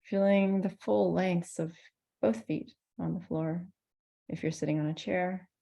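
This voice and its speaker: Her voice is mellow, soft-edged, slightly low, and carries plenty of creak as she leads a guided meditation. This meditation teacher keeps a steady tone and measured pace, speaking soothingly with space between phrases.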